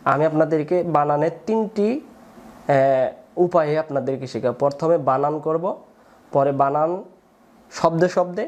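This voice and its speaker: A man with a fairly high voice leads a beginner Quran reading class. He spells out each letter and vowel mark slowly and repeats them again and again. He pauses so the listener can answer. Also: a little mellow. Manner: patient, repeats each sound and drills the viewer; call-and-response drilling. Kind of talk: step-by-step spoken lesson.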